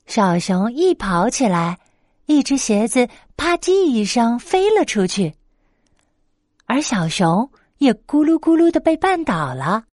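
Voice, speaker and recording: A woman narrating a bedtime story, gentle and expressive. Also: a little high, unhurried, no room sound, studio quality.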